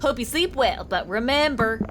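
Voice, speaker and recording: A woman voicing a creepy, soft-spoken male cult worker in a put-on accent, talking in smooth, cryptic, ominous lines. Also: on the high side, lively intonation, moderate pace, very noisy, close to an everyday voice.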